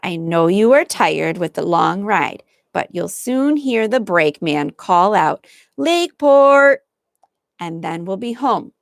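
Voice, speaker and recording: A woman voicing a patient mother in a storybook, speaking calmly and soothingly. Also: fairly low pitch, unhurried, gravelly, few pauses, no room sound, clean studio sound. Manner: calm, soothing. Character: patient mother of twins, gentle.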